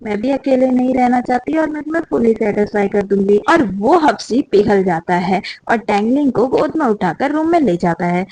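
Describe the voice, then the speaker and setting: A woman's voice: fairly high pitch, animated, normal speed, few pauses, mellow, husky, no room sound. A woman narrating a drama recap in a casual storytelling way, slipping into the characters' quoted lines as she goes.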